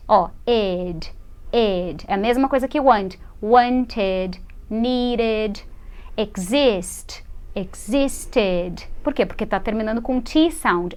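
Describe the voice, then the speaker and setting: Higher-voiced woman teaching patiently. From Brazil. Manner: patient, repeating and modelling sounds slowly. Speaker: English teacher. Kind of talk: TV English lesson.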